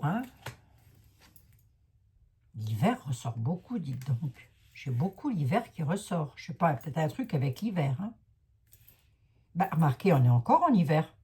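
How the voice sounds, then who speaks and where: Low, darkish and husky, her voice carries a Lorraine French accent. She's a psychic card reader doing a casual tarot livestream, chatting with viewers in a self-mocking way.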